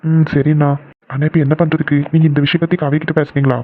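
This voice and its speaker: A man's voice: a little high, flat delivery, fast, lightly acted. A man voicing a worried, eager younger brother in a cartoon series, asking anxious questions. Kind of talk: cartoon voice acting. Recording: tinny phone-like sound.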